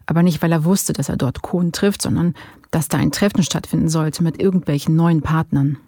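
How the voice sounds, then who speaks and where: A worn-out man answers his interrogators in weary, defensive bursts, with a gravelly rasp in the voice, as a narrator reads him. The sound is close and dry. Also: medium pitch, fairly quick, warm tone, no room sound. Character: exhausted, cornered male informant under interrogation.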